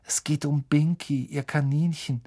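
A man reading an audiobook, voicing a schoolgirl who passes on news in a hushed whisper. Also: on the high side, fairly even intonation, a little slow, pitched above the performer's own voice. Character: gossipy schoolgirl friend, confiding.

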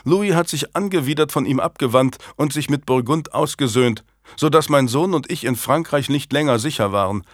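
A man's voice: mid-range voice, moderate pace, no echo, studio quality, voice pushed up, lightly acted. A man voicing a scornful, imperious middle-aged queen in a historical audiobook, speaking sharply and mockingly. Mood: bitter.

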